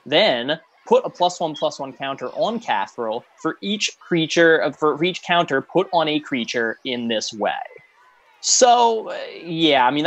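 A man's voice: on the high side, fairly bright tone. A man co-hosting a casual chat about game cards, blunt and sarcastic with frequent laughs. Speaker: co-host reviewing cards.

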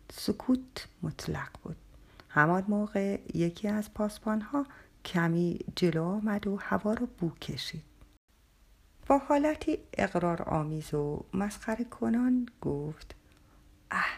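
A woman narrating a story with a breathy, half-whispered, dramatic delivery. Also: mid-range voice, darkish tone.

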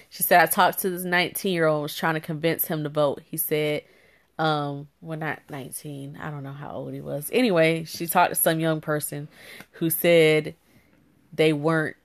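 A woman co-hosting a podcast in easygoing casual chat. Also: sits low. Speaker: podcast co-host.

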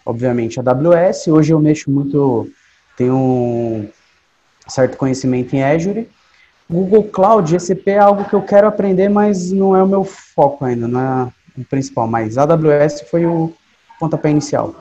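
A man's voice: a little high, moderate pace, dark tone. A man in his late twenties with a Brazilian Portuguese accent, chatting casually as an interview guest, peppering his talk with slang and tag questions. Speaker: podcast guest, DevOps specialist. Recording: dull lo-fi sound, faint noise.

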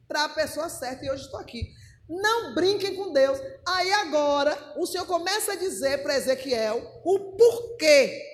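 A middle-aged woman, preaching a sermon, emphatic and swinging from loud to hushed. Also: sits high, long reverb tail.

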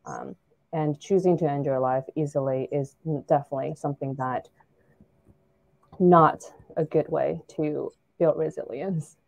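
A Chinese startup founder in her forties speaks thoughtfully as a guest in a casual interview, using lots of fillers and restarts. Her low voice is a little slow, creaky and slightly mellow, and the rough recording has no room sound.

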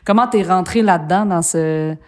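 A woman's voice: fairly low pitch, normal speed, darkish tone. Woman, Québécois accent, interview host, enthusiastic, casual. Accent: Québécois French. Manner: enthusiastic, mimics beats with mouth sounds.

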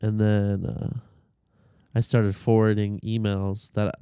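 A man's voice: lowish voice, flat delivery, takes it slowly, dark tone, smooth, no echo, clean studio sound. A man on a casual podcast, telling a long story with profanity, fillers and restarts. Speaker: podcast co-host.

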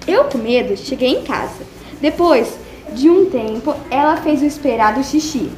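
Lively high-voiced girl student reading. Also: moderate pace, roomy sound, soft background music. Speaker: student reading her story. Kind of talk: reading a story aloud.

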